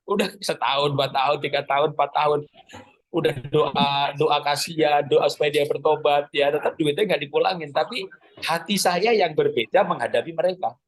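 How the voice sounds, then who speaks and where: Husky male preacher, joking and conversational. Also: on the high side, fairly even intonation, moderate pace, low-quality recording. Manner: conversational, joking, acts out quoted prayers and lines. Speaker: pastor. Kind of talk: sermon teaching.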